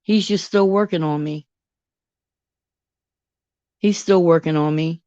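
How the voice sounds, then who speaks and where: A woman vlogging in a candid, chatty and expressive way. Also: lowish voice, slow, no echo, dull audio. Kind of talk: casual personal vlog.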